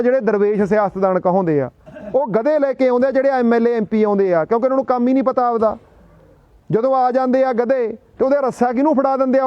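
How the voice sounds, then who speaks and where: A man's voice: very high-pitched, no room sound, lo-fi sound. A man with a Punjabi accent addressing a gathering, telling folksy stories and asking rhetorical questions. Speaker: public speaker. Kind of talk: speech to a gathering.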